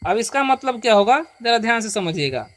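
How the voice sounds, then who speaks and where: A patient teacher giving a beginner reading lesson. The teacher reads English words slowly, one at a time, for the listener to repeat, and keeps checking that the listener follows. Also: mid-range voice, big pitch swings, fairly bright tone, dry recording.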